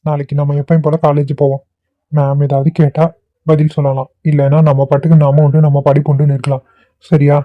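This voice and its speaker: A man voicing a calm, reassuring young husband in an amateur cartoon, speaking in a soothing, steady way. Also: fairly high pitch, quick pace, dry recording, lightly acted. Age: young adult. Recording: tinny phone-like audio.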